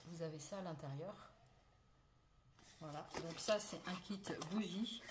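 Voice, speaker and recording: A French crafts vlogger with a lowish voice casually shows off craft supplies on a table in a show-and-tell unboxing, narrating what her hands are doing step by step with lots of fillers and "voilà." She's indoors at a table that isn't in her home, recording on a phone camera, and loud crinkling and clicking noises come through.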